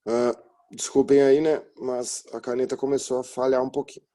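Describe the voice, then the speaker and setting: Man teaching physics in a quick Q&A. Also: medium pitch, little pitch movement, warm tone. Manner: explains step by step, asking and answering his own questions; informal and encouraging, with frequent tag questions. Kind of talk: recorded classroom lecture.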